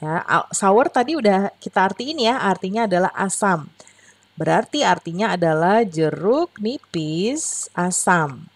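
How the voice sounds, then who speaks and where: Patient, lively woman teaching kids English. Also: mid-range voice, no echo. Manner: slow, patient, sing-song explanations with drawn-out English words; frequent "ya" and "eh" fillers. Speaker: online English tutor for children. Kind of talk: bilingual English lesson for kids.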